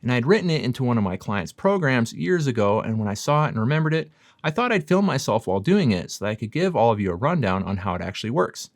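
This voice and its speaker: A man's voice: medium pitch, big pitch swings, fast talker, no echo, studio quality. A man presenting as a fitness coach, giving a scripted explainer in an emphatic, upbeat, self-deprecating way. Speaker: fitness coach and video host.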